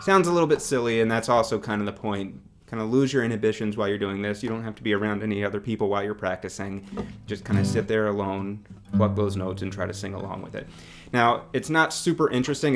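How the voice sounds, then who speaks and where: Gravelly-voiced man teaching guitar singing. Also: on the low side. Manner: relaxed explaining, demonstrating on guitar, hums along with notes. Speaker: music teacher. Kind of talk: casual guitar and singing lesson. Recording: guitar playing under the voice.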